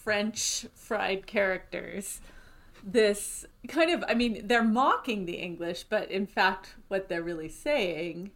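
A woman co-hosting a podcast in a lively, chatty way. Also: mid-range voice, slow. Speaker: podcast co-host. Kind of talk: casual chat.

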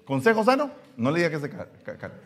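A male pastor preaching a sermon, swinging from hushed asides to loud, humorous appeals to the congregation. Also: on the high side, huge pitch swings, fast talker.

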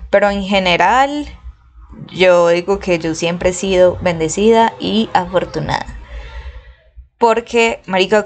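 A young woman with a Colombian accent, telling a personal story in casual, slangy talk and acting out the quotes. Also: medium pitch. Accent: Colombian Spanish. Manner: slangy, animated, acts out quotes.

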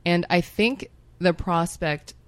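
Wry, self-mocking woman with a low voice. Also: no room sound. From Hong Kong. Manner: wry, rapid, self-mocking, swears freely. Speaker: guest writer. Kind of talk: casual podcast chat.

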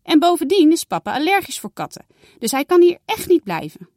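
A kind, firm mother, voiced by a woman reading aloud talks calmly to her two girls, setting rules gently. Her voice sits fairly high and moves in a lively way. The recording is close and dry. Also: a little fast, dry recording. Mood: motherly.

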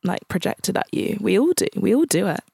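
A woman co-hosting a casual chat podcast, chatty and quick to react. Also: medium pitch, very animated, gravelly, mellow, slightly rough, no room sound, studio quality. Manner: chatty, reacts with laughs and gasps. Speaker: podcast co-host.

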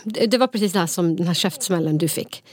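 Woman telling a story with a low voice. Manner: storytelling, mixes in English phrases, many fillers. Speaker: podcast co-host. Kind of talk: casual conversation.

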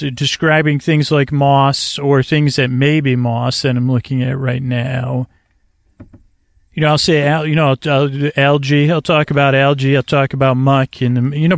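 Soothing and meandering, a sleep-podcast host with a creaky, fairly high-pitched voice rambles lullingly while sitting in a kayak on a river outdoors. He keeps pausing to correct himself and slipping into tangents; the recording is dry.

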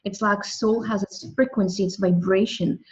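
In this spiritual interview, the guest is a Russian-born woman reflecting on the soul and on language, pausing to restart her thoughts often. Her voice sits at medium pitch and stays steady, at a moderate pace, and the audio quality is lo-fi.

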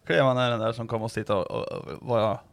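Gravelly young man, teasing tone. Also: mid-range voice, fairly even intonation, dry recording. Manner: teasing, jokey, acts out quotes. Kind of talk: casual chat.

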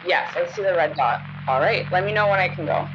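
A woman chatting casually and thinking out loud. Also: fairly low pitch, fast talker, noisy background. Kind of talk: casual chat, thinking aloud. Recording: dull lo-fi sound, loud music behind. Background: loud music.

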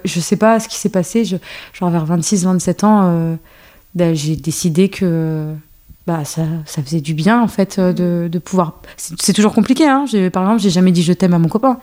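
This choreographer and dance teacher, a woman in her thirties, was born in Algeria and grew up in a French suburb. Her warm voice sits on the low side and moves at a moderate pace. As a guest in a relaxed interview, she chats with many fillers and false starts.

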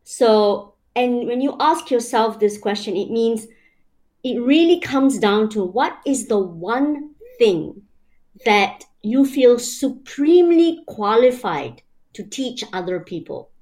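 Slow and slightly high, with lively intonation and a darkish tone, a woman from Malaysia speaks as an interview guest. She thinks things through casually, step by numbered step, with "you know" cropping up frequently.

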